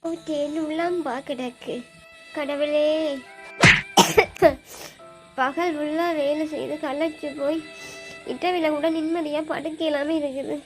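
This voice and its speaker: A woman with a Sri Lankan Tamil accent voicing a weary, kind young aunt who speaks sadly and softly in a cartoon. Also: high voice, fairly even intonation, a little slow, over music. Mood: despairing. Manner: sad, sighing, soft-spoken.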